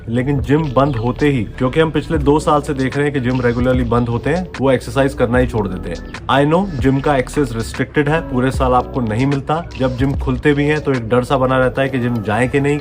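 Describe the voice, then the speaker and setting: A man about to turn forty, a fitness coach giving an earnest, coaxing motivational talk and switching between Hindi and English phrases. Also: mid-range voice. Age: 30s. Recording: music playing underneath.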